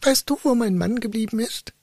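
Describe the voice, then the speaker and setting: A man reading a fairy tale aloud, voicing the sexton's distraught wife in a high, wailing voice. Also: a little fast, darkish tone, dry recording, clean studio sound. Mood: worried.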